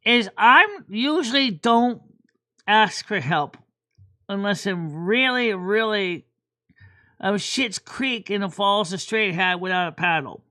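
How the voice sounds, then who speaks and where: A woman hosts a casual livestream chat in a bright, forceful voice. She rambles and often repeats words as she works through her thoughts. Her pitch sits right in the middle. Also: lively intonation, takes it slowly. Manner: rambling, repeats words while thinking aloud. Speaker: host.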